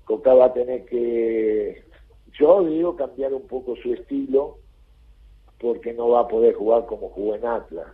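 A man with a Rioplatense Argentine accent speaks bluntly and colloquially as a football coach guest on a radio show. His voice sits at an ordinary pitch. It comes through a thin, tinny phone line. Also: moderate pace. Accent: Rioplatense Spanish. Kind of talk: radio interview.

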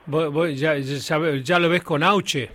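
A man's voice: a little high, fairly even intonation, takes it slowly, fairly bright tone. A man with an Argentine accent hosting a radio interview, talking in a loose way with lots of fillers. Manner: conversational, filler-heavy with "este". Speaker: radio host.

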